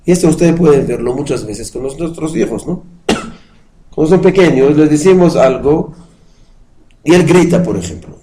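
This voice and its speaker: Male teacher, fairly high voice, patient lecture style with questions to the class and chanted verses. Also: expressive, normal speed, long pauses, mellow, slight background noise, poor audio. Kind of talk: religious study lecture with a live class.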